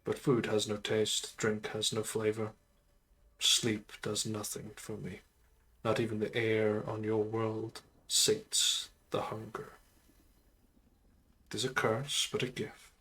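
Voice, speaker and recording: A man voicing an undead male sorcerer lord in a tabletop game, speaking in a measured, grandiose way. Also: on the low side, completely flat delivery, a bit bright, a little hiss or hum, low-quality recording. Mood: solemn.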